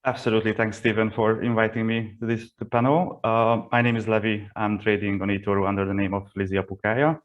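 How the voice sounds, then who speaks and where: A man from Hungary introducing himself on a video call with earphones, calm and measured. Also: fairly low pitch, dull audio. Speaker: panel guest. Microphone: earphone headset on video call.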